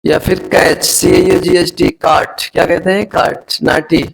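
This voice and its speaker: In this spoken phonics lesson, a man with a high, creaky voice teaches English pronunciation rules in Hindi, calling his viewers friends. He spells words letter by letter and repeats each one, his delivery flat and unhurried over a faint hiss or hum.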